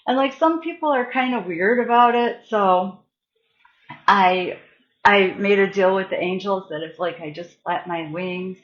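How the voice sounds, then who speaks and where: A woman's voice: medium pitch, highs cut off. A woman spiritual healer and massage therapist, talking casually on a live stream with fillers and restarts, and leading a guided meditation. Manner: chatty, halting, with fillers and restarts.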